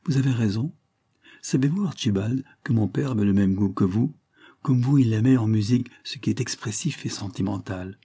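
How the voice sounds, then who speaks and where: A man voicing a gentle, loving young noblewoman in an audiobook. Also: lowish voice, moderate pace, husky. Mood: tender.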